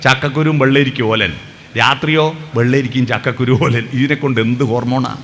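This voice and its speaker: A man's voice: medium pitch, fairly quick, slight background noise. A middle-aged man giving a devotional speech, telling stories and breaking into song. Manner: animated storyteller, breaks into song. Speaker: devotional speaker. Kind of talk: devotional speech with sung verses.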